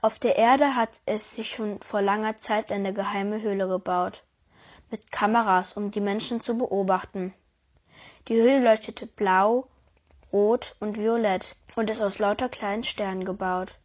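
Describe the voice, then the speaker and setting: A woman reading a children's story aloud in a calm, even storytelling manner. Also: medium pitch, a little slow.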